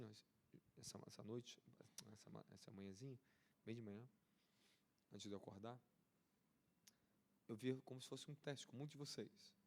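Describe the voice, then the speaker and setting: A man with a Brazilian Portuguese accent preaching a charismatic sermon as an apostle, fervent and repetitive, rising to excited peaks. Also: mid-range voice.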